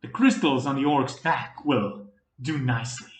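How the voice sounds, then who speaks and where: A man voicing a gleeful villainous male human mage who speaks in a calm, persuasive, cackling way. The recording is roomy. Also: mid-range voice, a little slow, natural voice. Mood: smug menace. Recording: roomy echo.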